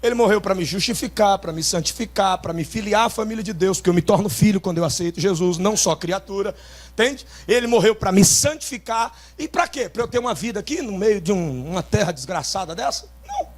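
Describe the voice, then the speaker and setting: A man with a Carioca accent preaching a revival sermon, shouting with great force and dropping now and then into quieter asides. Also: high-pitched, animated, fairly quick. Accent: Carioca Portuguese. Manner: shouts with great intensity, swinging between loud bursts and softer asides. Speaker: pastor. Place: outdoor rooftop church service.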